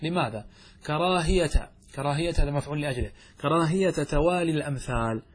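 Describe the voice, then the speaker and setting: A man with a fairly high, husky voice teaches grammar in a classroom style. He poses questions to his listeners and slows down to recite lines of verse. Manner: asks students questions, recites verse slowly. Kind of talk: classroom lesson explaining grammar.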